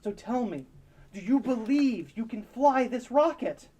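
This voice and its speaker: A woman acts an earnest single dad in a comedy space play. The voice is on the high side. The delivery is doting and sentimental, like a parent giving a heartfelt pep talk. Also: animated, unhurried, dark tone. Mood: earnest urging. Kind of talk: improvised comedy audio drama.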